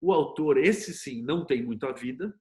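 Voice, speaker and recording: This mellow, mid-range male voice belongs to a Brazilian screenwriter and series producer appearing as an interview guest. His intonation is lively and his speed normal as he thinks aloud and explains things in a casual, conversational way.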